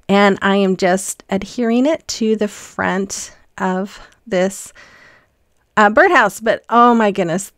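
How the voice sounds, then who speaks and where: A woman's voice: medium pitch, smooth, no echo. Chatty lady narrating her diy craft video, lots of ums, dry sound. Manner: chatty, rambling with frequent ums and restarts. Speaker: craft channel host. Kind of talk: casual craft tutorial voice-over.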